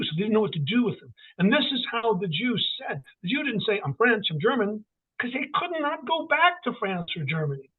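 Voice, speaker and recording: A man's voice: sits high, breathy edge. A man talking as an author guest in an interview, emphatic and full of restarts. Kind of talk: casual interview talk. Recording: tinny phone-like line.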